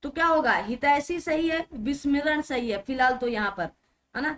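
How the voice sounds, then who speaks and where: A young woman teacher running an exam-prep grammar lesson, briskly drilling and repeating words and asking rhetorical questions. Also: high-pitched.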